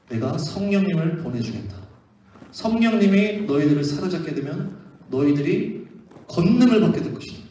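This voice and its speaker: A man acting out Jesus with slow, solemn warnings to his disciples, in a very echoey room away from the mic. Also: high-pitched, a little mellow, recorded from a distance.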